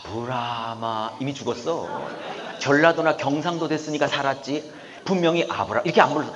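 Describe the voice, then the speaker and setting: A middle-aged man preaching a sermon as pastor, animated, swinging between soft murmurs and loud exclamations. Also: fairly high pitch, brisk, long reverb tail, crowd noise. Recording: dull lo-fi recording with faint room noise.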